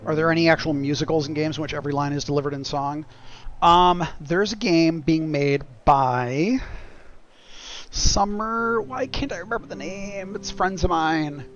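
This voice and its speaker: A man's voice: a little high, moderate pace, fairly bright tone, muffled recording. A man streaming a game, chatting casually and commenting with wry, sweary, sarcastic asides. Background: music.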